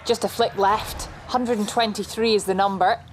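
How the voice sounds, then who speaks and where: A woman's voice: mid-range voice, fairly even intonation, normal speed, a little hiss or hum, natural voice, low-quality recording. A woman doing clipped golf commentary as an on-course reporter in a sports video game.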